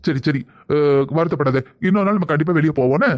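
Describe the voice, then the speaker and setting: Brief: man playing a breezy cartoon husband, southern Tamil accent, brisk, slightly high. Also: close to an everyday voice. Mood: offhand. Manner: offhand, dismissive. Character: careless easygoing young husband. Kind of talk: cartoon voice acting.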